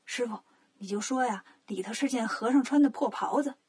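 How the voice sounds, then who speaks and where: Casting: a woman doing a cheeky storybook monkey king, breezy and confident, light high breathy tone. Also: brisk, a little mellow. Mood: coaxing. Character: cheeky male monkey king, quick and playful.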